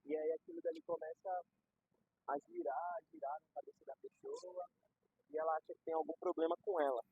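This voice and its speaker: A man's voice: a little high, wildly swooping pitch, fairly quick, gravelly, husky. A young man with a Brazilian Portuguese accent, chatting casually and explaining ideas with everyday examples and slang. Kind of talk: casual conversation. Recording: dull lo-fi recording.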